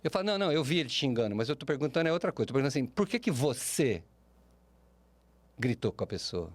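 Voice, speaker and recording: A Brazilian man speaking as a podcast guest, animated and expressive, often ending points with tag questions. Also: medium pitch, fast, no echo. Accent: Brazilian Portuguese. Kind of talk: podcast interview.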